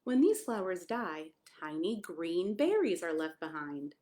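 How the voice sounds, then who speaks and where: Reading a picture book at storytime, this American pastor from Maryland adds friendly asides and easy questions for the kids. She has a lowish, warm voice with big pitch swings and takes her time.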